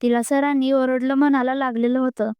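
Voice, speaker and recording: High, smooth woman story narrator. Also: little pitch movement, fairly quick, no room sound, highs cut off.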